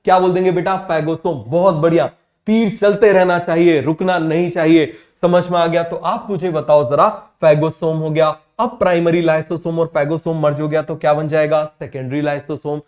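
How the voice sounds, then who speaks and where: A man teaching biology in a quick call-and-response lecture, firing questions at students and repeating each answer himself. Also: fairly high pitch, little pitch movement, darkish tone, highs cut off.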